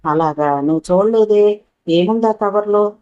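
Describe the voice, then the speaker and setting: A woman's voice: medium pitch, normal speed, dark tone, clear, resonant tone, muffled recording, lightly acted. A woman voicing a playful young man in a spoken story, teasing and coaxing.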